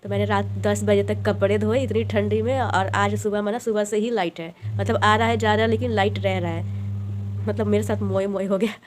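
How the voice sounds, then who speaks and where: A woman's voice: mid-range voice, steady tone, a little fast, a little hiss or hum. A young woman chatting in a casual home vlog, telling stories with giggly asides while doing chores, a little unwell. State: feeling unwell. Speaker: vlogger. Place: home, moving between rooms and rooftop.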